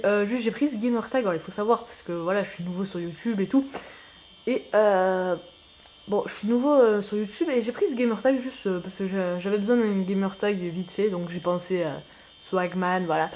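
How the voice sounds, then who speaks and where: With a high voice, this man offers laid-back gameplay commentary as a fledgling YouTuber, self-mocking and meandering, full of slang and sudden excited reactions to the game.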